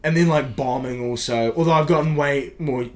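A New man hosting a podcast, talking in casual chat with a halting, sweary delivery and many restarts. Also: a little high. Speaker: podcast host and comedian.

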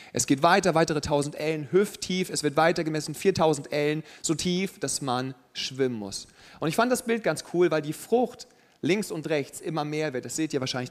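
A young man preaching a sermon to a congregation in a relaxed way, with joking asides. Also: a little high.

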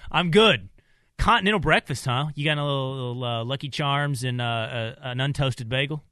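A man's voice: mid-range voice, normal speed, sharp tone, no room sound. A man hosting a radio talk show, chatting casually and joking with guests in the studio. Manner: joking, bantering, self-described country snob.

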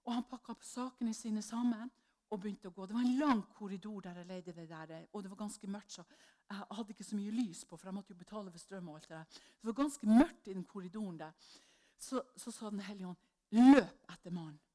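A middle-aged woman preaching a sermon in a mid-range voice. She tells a personal story with sudden rises in pitch and volume as she acts out the people in it, then drops back to a low, soft tone. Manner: lively storytelling, acts out quoted voices with jumps in pitch and loudness.

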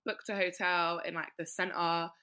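A woman's voice: fairly low pitch, flat delivery, unhurried, bright, forceful tone. A British woman hosting a casual podcast, chatting in a slangy, emphatic way. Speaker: podcast host. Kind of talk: casual chat.

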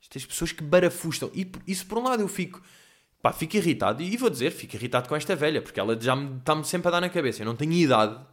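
A young man with a European Portuguese accent hosts a casual question-and-answer show. His voice sits a little high for a man, and he rants animatedly, swearing freely as he makes his case. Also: racing. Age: young adult. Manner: animated ranting, swears a lot. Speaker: host. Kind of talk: casual chat, Q&A rant.

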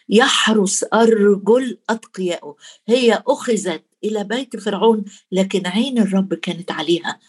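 A woman's voice: medium pitch, a little mellow, breathy edge. A woman with an Egyptian Arabic accent preaching a Bible teaching sermon. She speaks in colloquial dialect, talks straight to her listeners and quotes scripture in formal Arabic. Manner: colloquial, addresses listeners directly.

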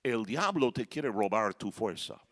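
A middle-aged man preaching a sermon, moving from quiet talk to shouted passages and acting out voices. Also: on the low side, lively intonation, a little slow. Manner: acts out voices and jokes with the congregation. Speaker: pastor.

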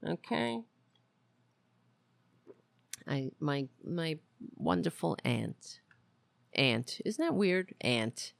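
With a gravelly, mid-range voice and very animated delivery, this talk show host rambles casually through political commentary. The tone is wry, exasperated, and self-mocking, frequently halting and drifting into tangents, with no room sound present.

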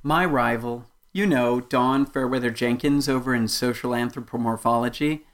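A man's voice: mid-range voice, moderate pace, lightly acted. A man playing a breezy, boastful male professor in a comedic audio sketch, talking casually and offhand. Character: male professor, breezy, bragging monster hunter. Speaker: show host in comic intro sketch.

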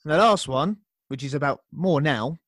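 A man's voice: on the high side, expressive, normal speed, no echo, studio quality. A man hosting a podcast, running a casual quiz with friendly teasing. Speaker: podcast host.

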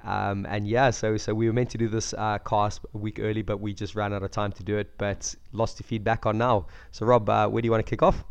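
A man croaky from a cold, chatting casually about sport as a podcast co-host. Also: fairly low pitch, flat delivery, brisk, hardly any pauses. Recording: dull lo-fi audio.

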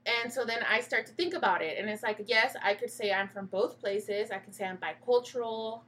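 Bright, husky young woman. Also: fairly high pitch, brisk. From United States. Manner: reflective, many "like" fillers. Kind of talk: casual chat.

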